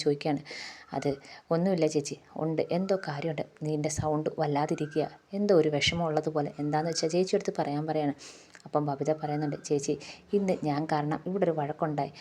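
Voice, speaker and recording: A woman with a Malayali accent, quickly retelling a TV serial episode and quoting each character's lines in her own voice. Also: deep voice, dark tone.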